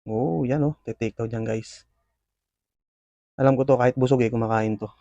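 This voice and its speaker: Speaking a little fast at a medium pitch, this man addresses his viewers directly while feeding his pet scorpions. His commentary is an eager, casual play-by-play, peppered with fillers. The recording is dry, and the high frequencies are cut off.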